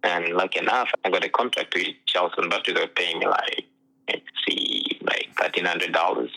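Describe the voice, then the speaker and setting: A young man from Uganda, a pro soccer player telling his story in a relaxed interview, full of "you know" fillers, heard over what sounds like a phone line. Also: low voice, brisk, gravelly. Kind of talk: casual interview chat.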